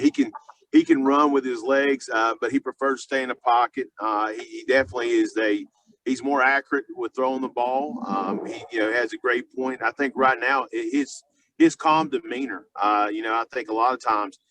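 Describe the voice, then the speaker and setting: Halting male football coach in an interview. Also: mid-range voice, a bit bright, poor audio. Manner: halting, filler-heavy, repeats and restarts phrases often. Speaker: high school football coach being interviewed. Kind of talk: spontaneous sports interview.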